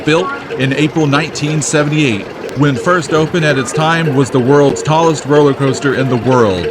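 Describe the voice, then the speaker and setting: A man's voice: fairly high pitch, moderate pace, over a noisy crowd. A man hosting a video channel, delivering scripted narration. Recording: very loud outdoor background noise.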